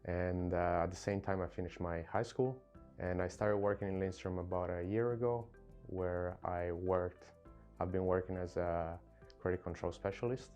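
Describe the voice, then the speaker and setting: Italian guy in his 20s, low mellow voice, lots of uhs, soft music behind. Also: fairly even intonation, muffled recording. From Italy. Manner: earnest, halting with many fillers and restarts. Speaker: credit control specialist. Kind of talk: corporate interview.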